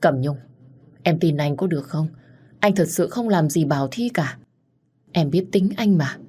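A woman voicing a young man who has been accused, earnest and pleading, in a low voice. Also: animated, moderate pace, mellow, slightly rough.

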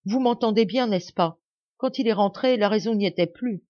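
A woman reading the lines of an excited, flustered male servant, in a slightly dull, dry recording. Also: mid-range voice, moderate pace, no room sound, pitched above the performer's own voice, lightly acted. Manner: breathless, excited.

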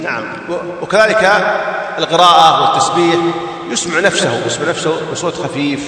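A man's voice: a little high, a little fast, pushed and bright. A man teaching a religious text, repeating key points and singing out examples. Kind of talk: explaining a text in a lesson. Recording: echoey hall, voice from far off.

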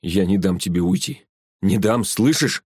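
An overwrought young man speaks in a strained, raised, excited voice, as a man puts him on well above his own low pitch. It is a storybook audiobook, dry and close. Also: moderate pace, husky, no room sound. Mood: defiant.

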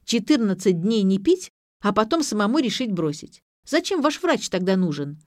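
A woman's voice: medium pitch, big pitch swings, normal speed, darkish tone, no echo, pitched above the performer's own voice, natural voice. A pushy, sarcastic young daughter fires off questions, as a woman narrator voices her. The voice is lifted above the reader's own and recorded close and dry. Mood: brisk. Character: sharp-tongued young adult daughter.

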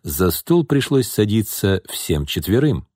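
A man narrating an audiobook in an expressive storytelling manner. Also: fairly low pitch, a little slow, slightly rough, dry recording, studio quality. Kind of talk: scripted narration.

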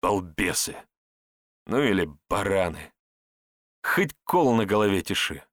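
A blunt, scornful hero, as a male reader puts him on for an audiobook, mocking and plain-spoken in a fairly low voice. The recording is dry and close. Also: expressive, measured pace, a bit bright, no echo, exaggerated voice. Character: sardonic, blunt young male hero with a sharp tongue.

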